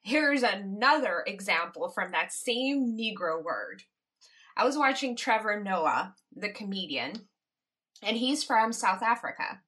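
Speaking a little slowly, this Caribbean podcast host has a mid-range voice that sounds animated, pushed, and bright. She muses casually in a reflective monologue, laughing lightly as she moves from point to point.

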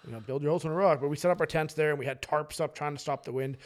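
A man co-hosting a podcast, telling a long story in casual chat, animated and rambling, swearing freely. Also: a little high, very fast. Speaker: podcast co-host.

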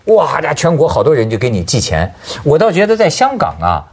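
A man's voice: fairly high pitch, wildly swooping pitch, a little fast, breathy edge. A man hosting a casual panel discussion, talking colloquially with exclamations and prompting questions. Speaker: talk show host.

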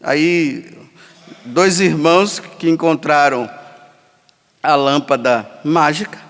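Emphatic high-voiced priest. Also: male voice, slow, a bit bright. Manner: emphatic, acts out imagined dialogues. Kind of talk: sermon. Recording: long hall reverb.

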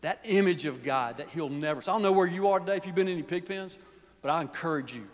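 A man's voice: a little high, fast. A man preaching a sermon in a folksy, earnest way that often sinks to a near whisper. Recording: long hall reverb.

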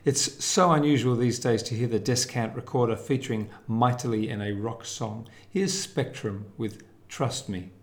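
A man's voice: medium pitch, normal speed, hardly any pauses. A man hosting a music show, recorded with an echoey sound in a big empty office, presenting in an easygoing, apologetic way. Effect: echoey sound from a big empty room. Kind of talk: radio-style presenting between songs. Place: empty freshly painted office.

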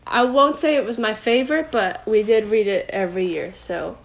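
A woman's voice: medium pitch, normal speed, gravelly. Woman reading a storybook aloud. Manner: gentle, expressive read-aloud. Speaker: storybook reader. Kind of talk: reading a children's picture book aloud at home.

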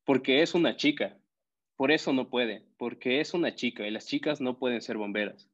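Man doing a loud, scornful big schoolboy. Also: medium pitch, normal speed, muffled recording, close to an everyday voice. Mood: shouting. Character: tall big boastful schoolboy, bossy.

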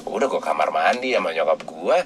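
A man's voice: very deep voice, brisk, background noise. A young man casually telling a long personal story in slangy chat, acting out what people said. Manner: animated, slangy, acts out quoted people.

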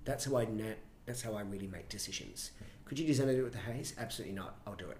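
A middle-aged man, a choreographer and director, telling stories with animated enthusiasm in an interview. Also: fairly low pitch, fast, slight background noise. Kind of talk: conversational interview. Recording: roomy echo, faint ambience.

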